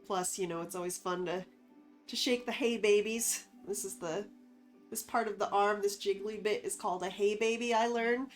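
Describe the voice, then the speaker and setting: A woman's voice: mid-range voice, fairly even intonation, normal speed, soft background music. A slightly wheezy, short-of-breath woman chatting casually and candidly as the host of a livestream. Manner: rambling, candid.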